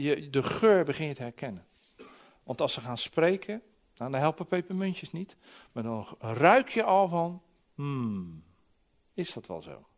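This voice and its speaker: A man in his forties preaching a sermon, telling stories lively and acting out voices, often restarting his words. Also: on the high side. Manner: lively storytelling with acted-out voices; frequent restarts and repeated words.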